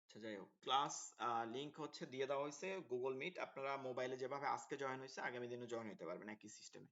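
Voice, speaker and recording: A man's voice: mid-range voice, fast, fairly bright tone. Hesitant male teacher on a dull call. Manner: explanatory, hesitant with many fillers. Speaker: online Quran course teacher. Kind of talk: online class orientation talk. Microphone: online video call.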